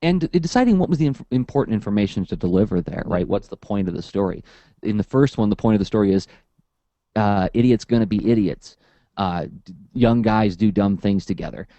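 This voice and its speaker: A man's voice: fairly low pitch, fairly quick, no room sound, muffled recording. A man who teaches comics workshops, talking casually and at length, telling stories and acting out the people in them. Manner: animated and verbose, acts out quotes. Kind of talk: casual conversation, storytelling.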